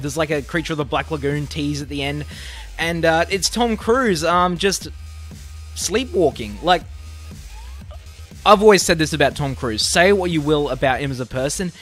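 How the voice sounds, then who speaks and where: A young man with an Australian accent rants through a casual review, his voice sitting a little high. He sounds exasperated and sarcastic and swears freely. Faint music plays behind him. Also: a bit bright. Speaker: movie reviewer.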